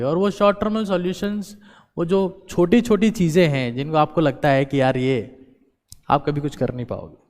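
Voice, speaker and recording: High-voiced man exhorting viewers. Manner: exhorting, repeats key phrases, mixes in English. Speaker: motivational speaker. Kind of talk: motivational talk to viewers. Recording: long reverberant echo.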